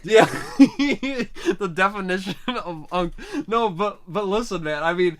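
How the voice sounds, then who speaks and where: A man's voice: high voice, slow pace. A young man hosting a casual movie review, talking loosely with slang and laughing often. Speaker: host of a movie review channel.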